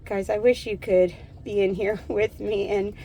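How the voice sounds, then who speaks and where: An American woman talks to camera in a relaxed, chatty way from outdoors. Her voice is mellow and mid-pitched, and she speaks softly and soothingly. There is a faint hiss of outdoor ambience behind her. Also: a little slow. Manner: chatty, gentle and soothing with the animals. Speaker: homestead vlogger. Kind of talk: casual vlog narration. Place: outdoors in an animal pen on a hot day.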